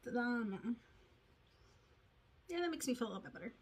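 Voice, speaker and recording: A woman's voice: a little high, big pitch swings, racing, husky. A woman chatting casually through a makeup tutorial, rambling and poking fun at herself as she goes. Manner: rambling, self-deprecating, talks to herself. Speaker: beauty vlogger.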